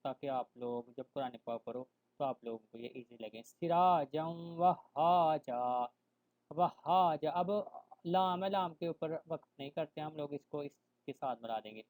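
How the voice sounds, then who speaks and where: A man giving an online Quran reading lesson. He recites verses slowly and loudly, then explains softly and conversationally, mixing in English words. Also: medium pitch, rough recording. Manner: mixes English words into his speech. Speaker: Quran teacher.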